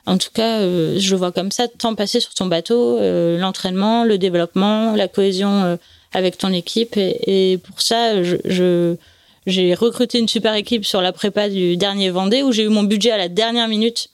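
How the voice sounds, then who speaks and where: A woman in her forties from France talks through her plans and memories in an easy, conversational interview manner. The recording is close and dry, with no room sound, and her pitch sits in an ordinary middle range. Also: normal speed, no echo. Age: 40s. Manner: explains at length in a relaxed, conversational way. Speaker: guest, offshore sailor.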